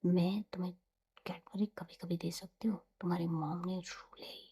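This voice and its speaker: A woman storyteller putting on a playful young woman who teases in a low, half-whispered way. The voice stays dark and gravelly, with a husky breath in it. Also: normal speed. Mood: teasing.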